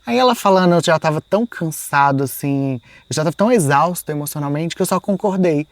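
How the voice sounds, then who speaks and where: A man with a fairly high voice tells a deeply personal story as a podcast guest, his sentences softening and trailing off between fillers. He slips into quoting his own past words. The sound is close and dry, as in a studio. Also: fast talker, dry recording. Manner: soft-spoken, often trailing off, fillers like "assim" and "né".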